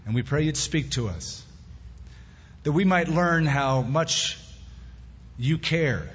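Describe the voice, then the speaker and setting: Male pastor preaching at a pulpit mic, raised husky voice, long hall echo, dull recording. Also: on the high side, animated, slow. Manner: conversational, with plain-spoken asides. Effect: preaching at a pulpit microphone. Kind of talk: sermon. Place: church sanctuary. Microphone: pulpit microphone. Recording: echoey hall, dull lo-fi sound.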